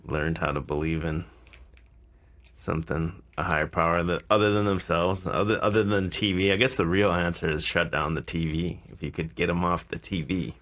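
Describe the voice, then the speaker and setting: A man with a low voice that sits in vocal fry. He co-hosts a casual podcast and rambles through his opinions, often circling back over his phrases. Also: flat delivery, moderate pace, fairly bright tone. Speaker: podcast co-host.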